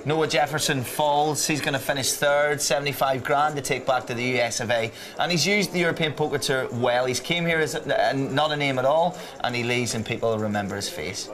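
A man presenting a poker broadcast in a measured, scripted way. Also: medium pitch, a crowd in the background.

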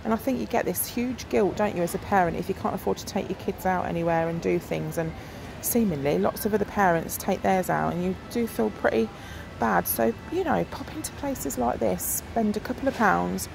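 Filming discount-shop aisles on her handheld phone, a middle-aged woman chats casually and thinks aloud with plenty of ums. Her creaky voice is medium-pitched and moves at a moderate pace. She's a shopping vlogger, and the large shop behind her is noisy.

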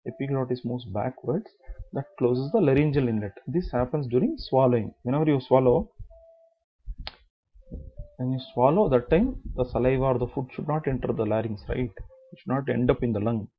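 A man's voice: mid-range voice, fairly quick, muffled recording, slight background noise. A man giving a medical lecture, explaining step by step, repeating key terms and asking then answering his own questions.

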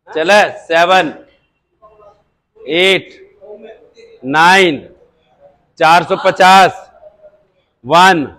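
High-voiced gym trainer counting squat reps slowly. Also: male voice, low-quality recording. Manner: slow steady rep counting with short urging shouts. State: dry throat from counting. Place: indoor gym.

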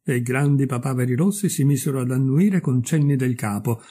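A man narrating a classic fairy tale in an unhurried, expressive storybook style. His voice is mellow and dark, with a slightly husky grain. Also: mid-range voice. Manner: calm, measured, expressive reading. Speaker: audiobook reader.

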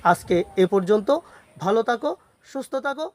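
A man teaching a pronunciation lesson to students. He keeps putting questions to the class and answering them himself, and he says each example word slowly and more than once. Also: high voice, lively intonation, a little mellow. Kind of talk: Bengali grammar lesson for students.

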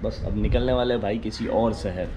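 A man's voice: fairly low pitch, fairly even intonation, fairly quick. A young man from India, a travel vlogger chatting casually to camera as he walks through city streets and stations, calling viewers brother. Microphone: action camera held close. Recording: lo-fi camera audio with loud street noise.

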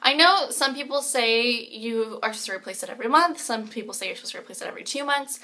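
A woman's voice: on the high side, fast talker, sharp tone. A young woman chatting casually about makeup in her home kitchen, rambling with many fillers. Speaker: beauty vlogger. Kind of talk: casual chat.

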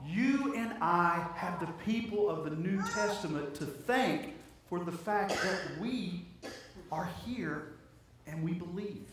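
A man with a high voice preaches a sermon, earnest and conversational, leaning on repetition to drive each point home. The sound comes from a distance in a big, strongly echoing church, with a faint hiss behind it. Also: lively intonation, slow, a bit bright. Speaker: pastor. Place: church sanctuary. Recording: very echoey church, heard from a distance.

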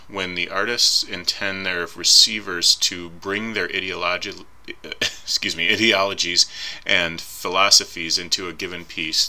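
A man lectures over slides in a casual, conversational way, pausing on fillers and fixing his own slips. His voice sits very low but has a crisp, forceful brightness. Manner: informal, thinking aloud with fillers and self-corrections. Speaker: instructor.

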